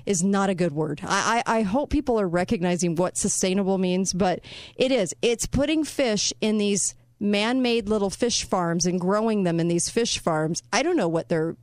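A woman's voice: mid-range voice, moderate pace, no room sound. Chatty woman co-host, dry close sound. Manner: chatty, laughs often, exclaims "oh my gosh". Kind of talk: casual chat.

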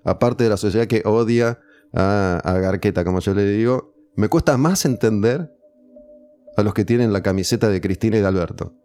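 Argentine man, guest, opinionated and wry, lowish voice, faint music behind. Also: normal speed, darkish tone. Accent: Rioplatense Spanish. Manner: opinionated, sardonic, acts out other people's voices. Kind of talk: casual conversation.

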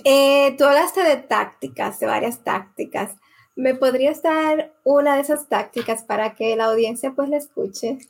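A woman hosting an interview, asking questions hesitantly with many pauses and fillers. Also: high-pitched, gravelly. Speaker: host.

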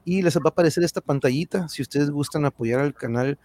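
A man's voice: a little high, fast, darkish tone, a little hiss or hum. A man with a Mexican accent chatting casually to livestream viewers as channel host, slangy and thankful in the way he talks.

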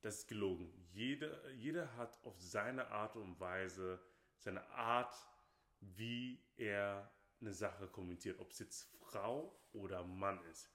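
A Nigerian podcast co-host shares casual, opinionated chat in an emphatic way, often repeating phrases and saying "okay, hey". His voice is lowish and fairly bright, and he speaks slowly. The recording has a roomy echo.

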